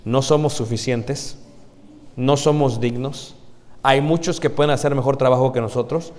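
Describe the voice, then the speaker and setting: A man preaching a sermon to a congregation, often pausing on rhetorical questions he answers himself. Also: medium pitch, steady tone, a little mellow. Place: church congregation. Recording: long church hall reverb.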